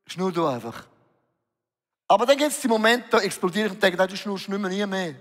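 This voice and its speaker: A man preaching a sermon, lively and emotional, acting out dialogues with Jesus. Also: high voice, fairly quick. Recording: reverberant hall.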